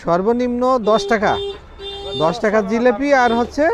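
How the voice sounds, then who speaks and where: A man's voice: extremely high pitch, moderate pace. A man hosting a vlog on location, presenting the scene and casually questioning people, often repeating their answers back as questions. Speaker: vlog host and roving interviewer. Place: outdoors at a busy village market.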